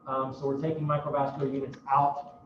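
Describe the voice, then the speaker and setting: A man's voice: mid-range voice, monotone, fast, a little hiss or hum. A man lecturing a university class in a casual, self-mocking way, swearing now and then. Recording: roomy, distant, dull classroom recording.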